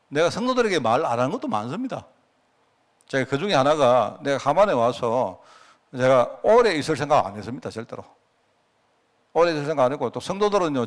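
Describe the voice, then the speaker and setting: A middle-aged male pastor with a Gyeongsang Korean accent, preaching in a chatty, storytelling way with asides to his congregation. His fairly high voice swoops up and down with animated pitch. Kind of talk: conversational Friday prayer-meeting sermon.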